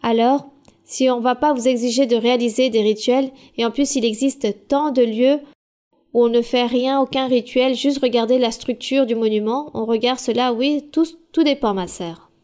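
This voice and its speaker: A woman church leader answering questions at a Bible study, calm, direct and instructive. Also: on the high side, normal speed.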